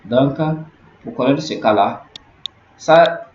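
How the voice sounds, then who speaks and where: A man's voice: mid-range voice, animated, darkish tone. A man teaching a grammar lesson, patiently repeating each key word and explaining it step by step. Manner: repetitive, explanatory, slowly repeats key words. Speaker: language teacher. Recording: roomy, dull lo-fi audio with faint hiss.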